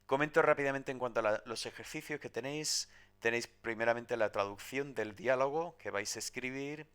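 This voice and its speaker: A man teaching a recorded grammar lesson, explaining step by step and often checking in with "¿vale?". He drills word forms slowly, syllable by syllable, and corrects himself as he goes. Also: medium pitch, fairly bright tone, clear, resonant tone. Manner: self-correcting, with hesitations. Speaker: Greek teacher.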